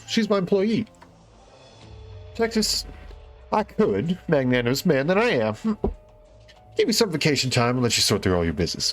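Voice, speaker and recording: A cocky penguin mob boss, put on by a man, leaps high and wide with every boast, snapping out slangy threats. Faint music plays underneath the game reading. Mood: bossy. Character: brash swaggering male penguin mob boss.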